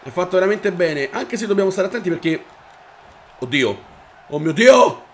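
A young man with a high voice talks his viewers through a wrestling video game. He sounds hyped, curses freely and shouts whenever something big happens on screen. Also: moderate pace, a little hiss or hum. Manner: energetic, swears and shouts at the game. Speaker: gaming YouTuber. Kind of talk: excited gameplay commentary.

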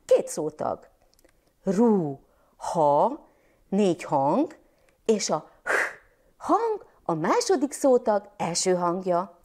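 A Hungarian woman from Transylvania teaching first graders to read, sounding out syllables and letters slowly and clearly. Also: medium pitch, dark tone. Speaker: primary school teacher.

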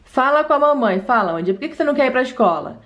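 A woman's voice: high voice, animated, rapid-fire, highs cut off. A woman voicing a patient mother in a doll play story, coaxing and soothing, often saying the child's name.

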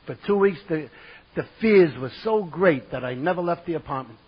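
A man's voice: on the high side, animated, moderate pace, breathy edge. A man from New York with a New York accent, giving a comic, self-mocking talk about his past to a conference audience. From New York City. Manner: vivid, self-mocking and theatrical. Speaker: recovery meeting speaker. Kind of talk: comic personal storytelling to an audience. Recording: dull lo-fi conference tape.

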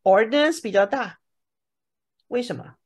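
A woman's voice: on the high side, lively intonation, a little slow, breathy edge. A woman teacher explaining English words to a class, often stopping to ask if anyone has questions. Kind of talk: classroom vocabulary lesson.

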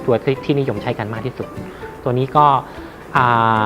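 A man giving an informal product demonstration as a seller, haltingly, with many repeats and hesitations. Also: medium pitch, dull audio, over music. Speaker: radio equipment seller.

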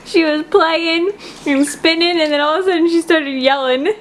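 A woman's voice: extremely high pitch, normal speed, slight background noise. A young woman vlogging casually at home, giggling often and talking sweetly to her baby daughter. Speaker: vlogger, mother. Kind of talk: casual family vlog chat.

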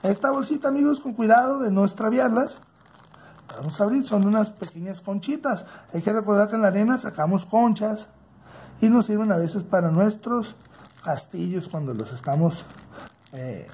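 A man with a Mexican accent narrating a casual hands-on toy unboxing, unhurried and halting as he thinks aloud. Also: high-pitched, a little mellow, husky. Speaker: toy unboxing channel host. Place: indoors at a tabletop.

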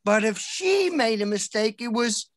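A man from New City, delivering deadpan stand-up one-liners with deliberate timing from home for a virtual open mic. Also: high-pitched, no room sound, studio quality. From New York City. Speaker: stand-up comedian. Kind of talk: stand-up comedy routine.

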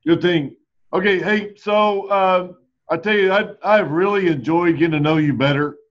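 A man hosting a talk show, speaking in a halting, appreciative way. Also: sits high. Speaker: host. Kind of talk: casual interview talk. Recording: dull lo-fi sound.

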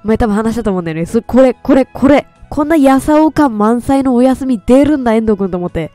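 A woman streamer doing loud, excitable let's play commentary into a close mic. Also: on the high side, fast talker, no echo, soft background music. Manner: excitable, loud, laughs often. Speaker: game streamer.

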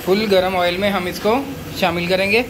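A man hosting a cooking channel, calmly explaining each step of a big-pot recipe as he works in an outdoor courtyard. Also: high-pitched, a little fast. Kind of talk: cooking demonstration narration. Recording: noisy outdoor recording.

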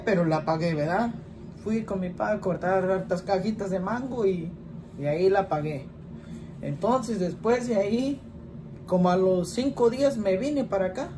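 There's noise in the background as a man in his twenties, speaking at a moderate pace in a high voice, chats in a home vlog. His accent is Mexican Spanish, and he answers questions in a meandering way, often finishing with "¿verdad?". He's in a small room in front of a plain wall.

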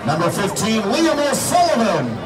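A man announcing player introductions over a stadium public address system, projecting in a deliberate way and drawing out names. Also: high voice, wildly swooping pitch. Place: outdoor baseball stadium, heard over loudspeakers. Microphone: announcer's PA captured from the stands. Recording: distant echoey stadium PA, crowd, loud music. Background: crowd and loud music.

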